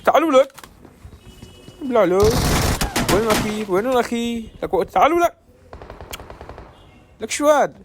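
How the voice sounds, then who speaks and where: A man's voice: animated, fast, pauses often, very noisy. A man putting on a pushy Syrian-accented gamer. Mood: taunting. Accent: put-on Syrian Arabic. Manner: raised pitch, demanding teammates and taunting enemies. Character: man faking a Syrian dialect mid-match, pushy and loud. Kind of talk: gaming commentary. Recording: game gunfire in background. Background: loud gunshots and clicks.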